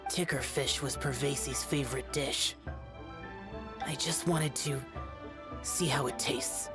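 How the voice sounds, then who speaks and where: A man's voice: medium pitch, takes it slowly, close to an everyday voice. A man playing an aloof, solitary, youthful immortal warrior in a video game, terse, reserved and solemn. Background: game music.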